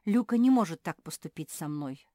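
A proud, touchy young labrador girl from a storybook, voiced by a woman, loud and high-pitched with an indignant edge. The reading is close and dry, with no room sound. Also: animated, normal speed, no echo.

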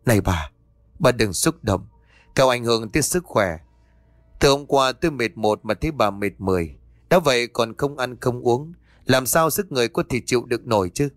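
A man voicing a tired older spirit medium who calms a grieving woman in a low, weary tone. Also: moderate pace, no echo, lightly acted. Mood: soothing.

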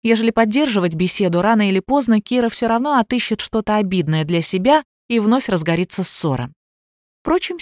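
A woman reading a novel aloud as narrator, in an even storytelling manner. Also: medium pitch, no echo, studio quality. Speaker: audiobook narrator. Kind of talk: scripted narration.

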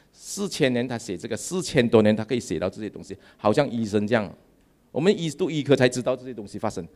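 Pastor in his 50s, sermon bits, voice jumps up and down a lot, jokey the crowd. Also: a little high. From Malaysia.

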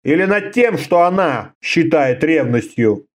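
A grizzled old one-eyed fighter, as a male narrator puts him on, drunk and slurring his words. He blusters and bellows with a lively, rising voice. The whole thing sounds like a read-aloud storybook. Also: fairly high pitch, a little slow. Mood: grumbling. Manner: blustering, loud.

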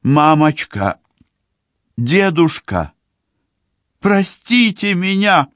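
A man voicing a desperate young woman who shouts and pleads tearfully for her mother in an audiobook. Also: a little high, drawn-out words, clean tone, no room sound, studio quality, pitched above the performer's own voice, exaggerated voice. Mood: pleading. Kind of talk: audiobook character voice.

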